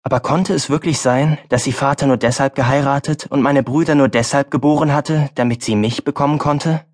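Calm male audiobook narrator. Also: mid-range voice, brisk. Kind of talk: scripted first-person narration.

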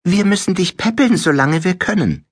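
A man's voice: sits high, lively intonation, normal speed, breathy edge, voice pushed up. A man doing a doting, fussy aunt. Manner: cooing over her son.

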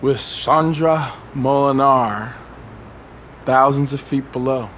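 A man's voice: mid-range voice, slow pace, fairly bright tone, slight background noise. A man reading a first-person story aloud as a rambling, wistful monologue, stumbling and restarting as he remembers. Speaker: audiobook narrator.

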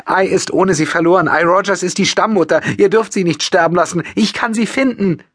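A man's voice: sits high, a little fast, a bit bright, voice pushed up. A man voicing a desperate young woman, crying and pleading insistently in an audiobook.

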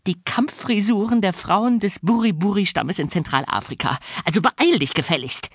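A man voicing a cruel, shrill old orphanage matron who screeches insults at a boy. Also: lively intonation, moderate pace, husky, no echo, clean studio sound. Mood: shrieking scolding.

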